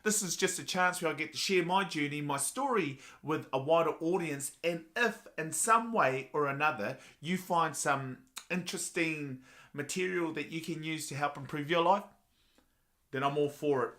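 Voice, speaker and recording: A man's voice: fairly high pitch, moderate pace, pushed and bright. A man with a Māori New Zealand accent talking earnestly and motivationally to viewers in a personal vlog. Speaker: vlogger.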